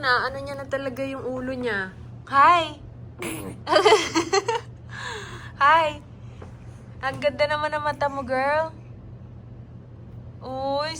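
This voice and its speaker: A young woman from the Philippines sing-songs baby talk to her infant daughter at home, cooing and coaxing in a casual mix of Tagalog and English. Her voice sits high with a fairly bright tone, plus a little hiss or hum.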